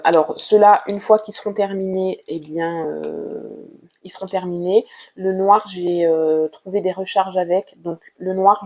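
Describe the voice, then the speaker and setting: A woman art vlogger walks through her drawing materials in a casual show-and-tell. She speaks at an unhurried, slow pace, gentle and soft-spoken. She pauses often and fills the gaps with hesitant fillers. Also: lowish voice. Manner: hesitant, with frequent "euh" fillers.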